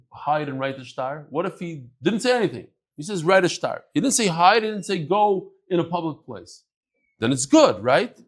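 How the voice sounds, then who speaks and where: A man teaching a daily Talmud class who mixes English with Aramaic and Hebrew terms, asks questions and answers them himself, and acts out the speakers in the text. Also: on the high side.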